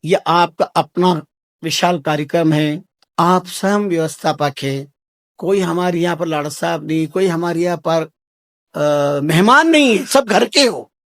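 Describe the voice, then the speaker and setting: A man with a high voice preaches a devotional sermon to his listeners. He exhorts them over and over, repeating his points and swinging into emphatic bursts. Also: measured pace, a bit bright, no room sound, studio quality. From Rajasthan, India. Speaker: spiritual teacher.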